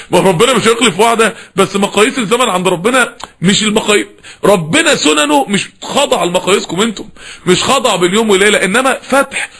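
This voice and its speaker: Fast, bright Egyptian preacher, impassioned. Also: male voice, high voice. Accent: Egyptian Arabic. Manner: impassioned, scolding, with rhetorical questions. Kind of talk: fiery sermon.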